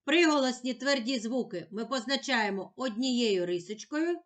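A woman teacher giving a slow, scripted lesson to young children, drawing out syllables clearly. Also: on the high side, animated, fairly bright tone.

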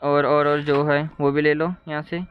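A man casually commenting live on his gameplay, chatting with viewers and repeating words in rapid strings. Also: fairly high pitch, level tone, phone-quality sound. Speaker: streamer. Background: faint ambient noise.

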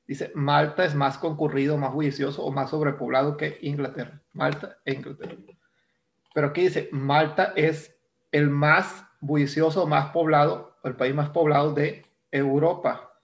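Male English teacher with a Mexican Spanish accent, fairly high and gravelly, walking students through a lesson patiently and repeating key terms. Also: steady tone, normal speed. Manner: explains step by step, repeats terms, asks "¿no?". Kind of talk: recorded online grammar lesson.

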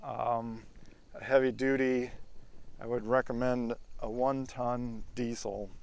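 A man's voice: mid-range voice, flat delivery, slow pace, creaky, smooth. A man giving a casual, plain-spoken walk-through tour of his sawmill as its owner. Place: outdoors around a sawmill yard, later inside a large former riding arena.

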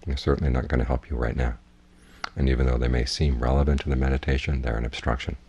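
Here a husky man with an extremely low pitch gives plainspoken, measured meditation instruction in the role of a Buddhist teacher. His tone is level and darkish, and the high frequencies are cut off.

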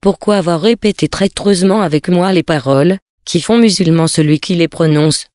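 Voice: medium pitch, moderate pace, darkish tone, no echo, studio quality, close to an everyday voice. A reader voicing a wronged, ailing young Bedouin woman who pleads and then hurls accusing questions, in a storybook reading.

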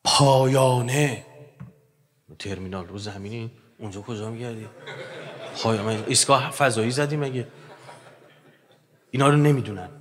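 A man giving a religious lecture in an animated, joking manner, his voice rising loud and dropping quiet. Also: medium pitch. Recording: long hall reverb.

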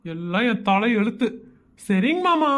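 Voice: medium pitch, very animated. A performer voicing a young husband in a Tamil cartoon, grumbling and sarcastic about his in-laws. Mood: exasperated. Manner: grumbling, sarcastic, quick complaints.

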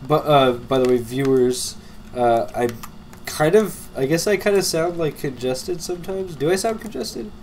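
Rambling through casual gameplay chat, the young man sounds congested from a cold and laughs frequently, often trailing off. His fairly high voice has a darkish tone and a moderate pace, with slight background noise.

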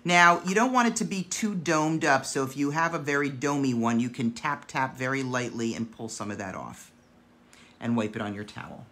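Man with a gravelly voice teaching crafts. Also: mid-range voice, moderate pace, bright, forceful tone. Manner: chatty, counts dots aloud while working. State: gravelly voice today. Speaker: craft instructor. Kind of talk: painting tutorial demonstration.

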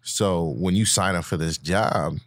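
A man's voice: sits low, measured pace, no room sound. A young man with a Midwestern American accent, a guest on a casual studio podcast, telling his story in a laid-back way with laughs and restarts. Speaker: guest rapper. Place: small studio with dark backdrop. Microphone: studio mic with headphones.

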